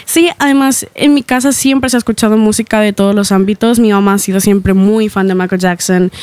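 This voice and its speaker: A young singer from Ecuador chats as a radio guest, her voice smooth and resonant. The sound is close and dry, as in a small studio booth. She talks easily, with light laughs and many hesitation fillers. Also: medium pitch, steady tone, fairly quick, a little mellow, no room sound. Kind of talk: radio interview.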